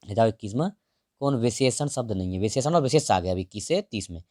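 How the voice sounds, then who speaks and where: A male teacher walks through test answers in a mellow, darker voice. He repeats key words and lets his lines sink to a quiet murmur. The sound is dry and close, with no room around it. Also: expressive, fast talker, no echo. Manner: repeats key words, drops to a low murmur at line ends. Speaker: exam-prep teacher.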